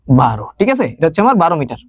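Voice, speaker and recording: A young man teaching a live online science class, talking fast and chatty and mixing in English words. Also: a little high, very animated, breathy edge, dry recording.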